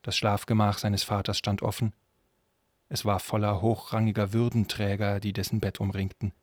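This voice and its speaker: Calm male fantasy narrator. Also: on the low side, dry recording, clean studio sound. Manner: calm, measured storytelling. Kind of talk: scripted narration of a fantasy story.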